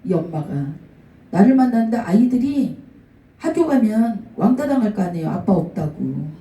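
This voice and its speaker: A middle-aged female pastor speaks in a mid-range voice at a moderate pace, weaving her sermon from stories about people she has come across. Their words are acted out with energy, and the church sanctuary setting leaves the distant-mic recording full of echo.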